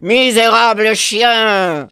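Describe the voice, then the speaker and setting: A woman's voice: on the high side, extremely slow, sharp tone, smooth, no room sound, clean studio sound, full character voice. A woman doing a furious panther spirit. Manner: snarling, then trembling and pleading. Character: furious greedy female forest panther spirit.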